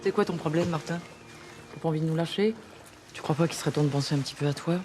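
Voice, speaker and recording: An actress playing a frank, teasing forensic police specialist in a TV crime drama, familiar and direct. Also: female voice, low-pitched, quick pace, a little mellow, faint music behind, lightly acted. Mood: prodding. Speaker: actor in a police series. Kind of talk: naturalistic TV crime drama acting.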